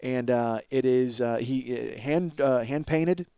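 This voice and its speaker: Taking things slowly, a man with a mellow, clean, mid-range voice hosts a podcast as a loose comedic monologue, rambling, breaking off mid-thought, swearing and ribbing himself. The recording is dry.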